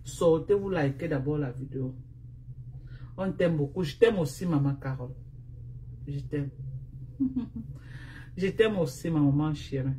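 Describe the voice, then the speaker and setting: A woman's voice: sits low, normal speed, dark tone, a little hiss or hum. A woman with a Cameroonian French accent chatting casually on a live stream, speaking into a phone. She teases and scolds in repeated refrains. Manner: repetitive, teasing, scolding refrains.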